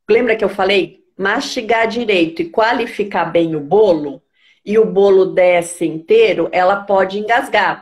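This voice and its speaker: Brief: woman from Brazil, speech therapist, calm didactic explainer who keeps checking in. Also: mid-range voice. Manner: patient, didactic, checks understanding with "tá?". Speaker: speech therapist answering questions. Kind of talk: explanatory health talk.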